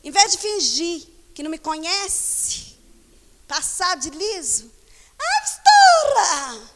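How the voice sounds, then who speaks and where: A woman pastor with a Brazilian Portuguese accent, preaching a sermon in a church hall and moving between animated storytelling and scolding the congregation. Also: very high-pitched, takes it slowly, background noise. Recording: long church reverb.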